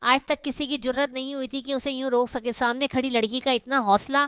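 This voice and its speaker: Smooth-voiced woman narrating a novel. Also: high voice, flat delivery, fairly bright tone, dry recording, clean studio sound. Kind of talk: scripted narration of a romance novel.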